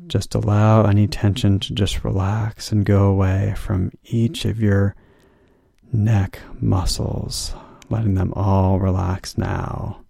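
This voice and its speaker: Male relaxation guide; deep-toned, mellow, unhurried soothing delivery. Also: vocal fry, dry recording. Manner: slow, soothing, drawn-out instructions. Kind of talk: guided progressive muscle relaxation.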